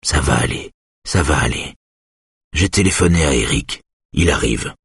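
A man reading an audiobook, voicing a tired older father who speaks softly and with care. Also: very deep voice, expressive, creaky, slightly rough, dry recording, clean studio sound, exaggerated voice. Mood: tender. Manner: soft, tired, measured. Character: weary older father, gentle and careful.

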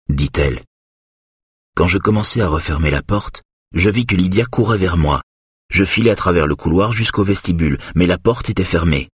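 Narrateur à la voix très grave. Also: male voice, low-pitched, husky, no echo, studio quality. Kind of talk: first-person audiobook narration.

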